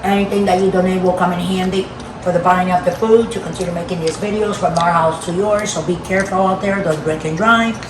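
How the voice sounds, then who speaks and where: A woman's voice: on the low side, fairly even intonation, a little fast. A woman hosting a casual home cooking video, chatting to viewers in a conversational way and often checking for agreement. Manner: conversational, repeatedly seeking agreement. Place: home kitchen. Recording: roomy, noisy kitchen, distant mic.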